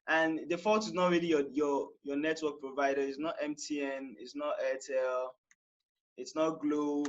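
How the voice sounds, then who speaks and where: Young man, tutorial host, chatty, repeats himself, slightly high voice. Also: highs cut off. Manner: chatty, repeats phrases, frequent "all right". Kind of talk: casual how-to explanation.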